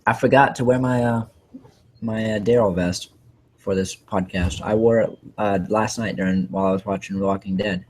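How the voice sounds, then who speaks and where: Husky rambling man on a podcast. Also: lowish voice, moderate pace. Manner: excitable, rambling with many fillers and restarts. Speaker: podcast host. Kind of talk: casual podcast chat.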